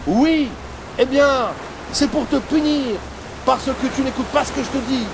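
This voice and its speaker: A man voicing a clever middle-aged merchant father who loudly pretends to scold his son, with music behind. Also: extremely high pitch, measured pace, background noise, pitched above the performer's own voice. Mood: feigned anger. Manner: loud mock scolding.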